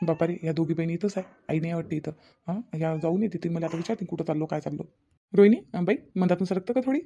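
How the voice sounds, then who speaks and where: A woman's voice: on the low side, fast talker, warm tone, voice pushed down. A woman voicing an evasive middle-aged husband in a cartoon, muttering to himself. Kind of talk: Marathi cartoon voice acting.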